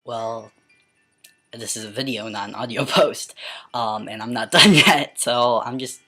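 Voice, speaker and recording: An amateur vlogger with a mid-pitched, androgynous voice, speaking casually and stumbling now and then over words. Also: sharp tone. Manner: halting, stumbles over words and repeats them when reading. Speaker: amateur video blogger. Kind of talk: casual question-and-answer vlog with some read-aloud passages.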